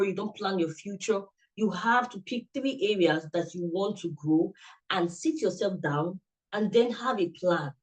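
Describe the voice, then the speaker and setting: A man with a high-pitched voice, recorded with poor audio, gives a motivational talk at an online summit through a computer video-call mic. He's earnest and coaches directly, often repeating what he's said.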